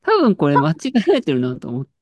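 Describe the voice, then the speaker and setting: A woman's voice: low voice, huge pitch swings, fast, no room sound, muffled recording. A woman in casual chat, telling an anecdote with lots of fillers and restarts. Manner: storytelling with frequent fillers and laughs.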